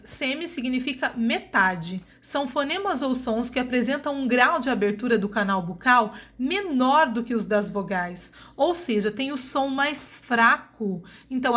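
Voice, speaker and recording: A woman teacher with a Brazilian Portuguese accent giving a recorded grammar lesson, slowly and deliberately spelling out sounds. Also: high voice, fairly bright tone.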